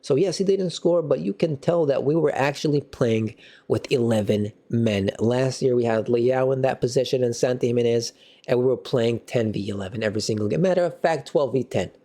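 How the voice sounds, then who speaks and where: A man hosting a casual football match reaction, animated and slangy, with excitable outbursts. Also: mid-range voice, a little fast. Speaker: football fan channel host.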